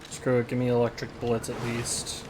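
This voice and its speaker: A man's voice: medium pitch, completely flat delivery, normal speed, background noise. A man streaming a video game, reading game text aloud and thinking aloud as he plays. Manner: mutters to himself, thinks aloud. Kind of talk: casual gameplay commentary.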